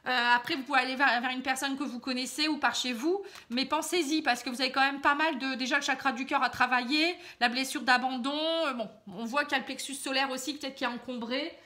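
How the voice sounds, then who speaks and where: A woman with a high, bright voice giving a casual card reading straight to the viewer. She talks in a loose, chatty way, full of fillers and little tags. She keeps advising the listener gently. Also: fairly even intonation, fast, few pauses. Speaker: card reader. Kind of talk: casual tarot reading to camera.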